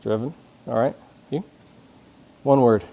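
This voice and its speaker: A gravelly, dark-toned man of medium pitch speaks a little slowly to a live conference audience about leadership. He keeps it conversational and jokey, frequently restarting sentences and quizzing the room.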